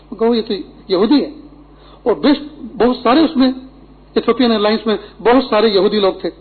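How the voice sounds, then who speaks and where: A man's voice: high-pitched, breathy edge. A middle-aged man preaching a Friday sermon, earnest and instructive, with Arabic quotations. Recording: tinny phone-like lo-fi recording.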